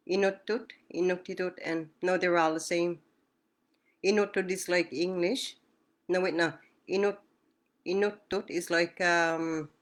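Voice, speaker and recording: A woman teaching a language lesson on a video call, patiently repeating words and answering questions. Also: on the low side.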